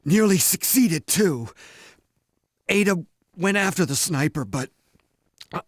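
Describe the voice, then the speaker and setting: An actor playing a young policeman in a game cutscene, speaking in an anxious, halting way. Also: high voice, lively intonation, no echo, clean studio sound, heavily acted. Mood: worried.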